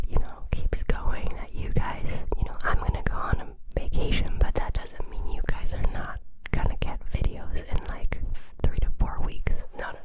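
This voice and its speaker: An ASMR creator whispering a casual chat close to the ear, fully unvoiced and breathy. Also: poor audio. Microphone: close ear-to-ear ASMR microphone.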